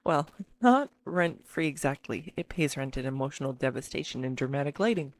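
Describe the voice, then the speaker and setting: An amateur voice actor performs a scripted girlfriend roleplay monologue, playing an excitable, affectionate, neurodivergent geek who gushes about her favourite film to the listener. Her deep-ish voice is excited and enthusiastic, info-dumping earnestly with halting pauses in intimate one-to-one address, and the recording is dry.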